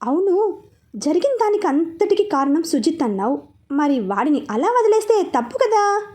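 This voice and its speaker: A woman's voice: extremely high pitch, big pitch swings, normal speed, darkish tone. A woman voicing a kind lady boss. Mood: friendly.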